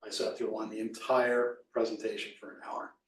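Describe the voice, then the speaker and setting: A man's voice: on the low side, little pitch movement, a little fast, slight background noise. A man leading a workshop on presentation skills, talking casually and loosely with many fillers and restarts. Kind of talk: casual live workshop talk. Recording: echoey room from far off.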